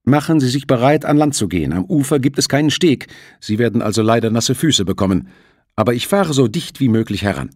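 A man's voice: medium pitch, expressive, fairly quick, no echo, clean studio sound, voice pushed up, natural voice. A man voicing a practical male sailor who calls out instructions to passengers in an audiobook. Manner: calling out, practical.

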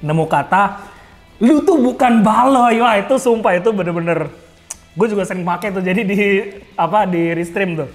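A man's voice: sits high, fairly quick, soft background music. A young man with hosting a mukbang, chatty and promotional as he talks to his audience and his guest. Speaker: mukbang host. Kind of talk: casual chat while eating.

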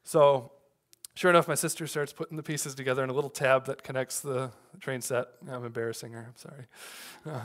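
Man, pastor, sermon, conversational, rambling, lots of fillers, mid-pitched voice. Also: steady tone, a little fast, a bit bright. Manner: conversational, loose, with many fillers and restarts. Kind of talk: sermon with a personal story.

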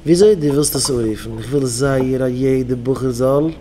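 Mellow-voiced rabbi exhorting his students. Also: mid-range voice, normal speed, a little hiss or hum. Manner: exhorting, leads the crowd in call-and-response chants. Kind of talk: Yiddish sermon to yeshiva students.

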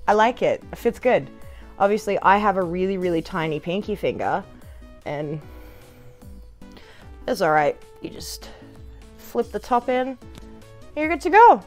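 With big pitch swings, long pauses, and a measured pace, this young product reviewer unboxes items in a living room while soft music plays. Her medium-pitched voice stays casual, bubbly, and playful, with sing-song asides to the camera.

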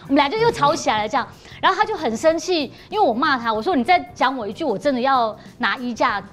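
High, fast-talking animated woman. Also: faint music behind. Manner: lively, acts out quotes. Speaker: guest, mother. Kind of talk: animated TV talk show anecdote. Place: TV studio.

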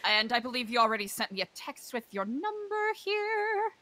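A woman's voice: a little high, big pitch swings, normal speed, sharp tone. A woman hosting an audition in a roleplay game, speaking in a formal, theatrical way.

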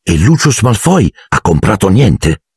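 A man voicing an excitable, enthusiastic middle-aged wizard father. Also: sits low, normal speed, slightly rough, no room sound, clean studio sound. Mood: excited. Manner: excited, indignant bursts.

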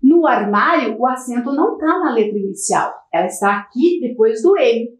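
A woman teacher with a Brazilian Portuguese accent, giving a slow, encouraging lesson to young children. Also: fairly high pitch, lively intonation, roomy sound. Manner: slow, sing-song, encouraging, talks straight to young children.

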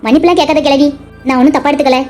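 A woman's voice: high voice, fairly even intonation, very fast, a little mellow, soft background music, lightly acted. A woman voicing a young wife in a cartoon, soothing and teasing the grandmother. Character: young wife, warm and playful. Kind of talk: cartoon voice acting.

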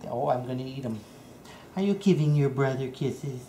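A woman's voice: rumbling low, normal speed, mellow. A woman talking sing-song baby talk to her puppies at home, greeting each one by name as she films. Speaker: dog breeder filming her puppies. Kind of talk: cooing at puppies, casual home video. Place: indoors at home by a puppy pen. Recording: roomy room, faint background hiss.

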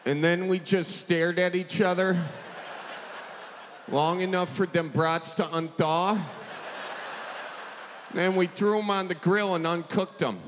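High-pitched Upper Midwestern stand-up man. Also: takes it slowly, pauses often. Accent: Upper Midwestern American. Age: 30s. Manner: animated, folksy, conversational. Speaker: stand-up comedian. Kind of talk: stand-up comedy. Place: large theater stage before an audience. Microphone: handheld microphone held close. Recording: reverberant theater, faint audience noise.

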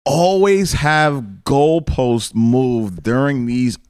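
A man's voice: medium pitch, extremely slow, clean tone, dry recording, studio quality. A young man with a New York accent, co-hosting a podcast and pushing back emphatically in casual debate. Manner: animated, emphatic, interrupts himself. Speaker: podcast co-host.

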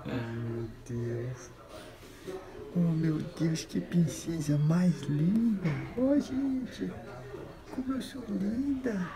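Man putting on a newborn baby girl, Brazilian Portuguese accent, sing-song baby talk, lively, unhurried. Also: sits high, full character voice, rough recording. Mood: proud. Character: newborn baby girl boasting about herself.

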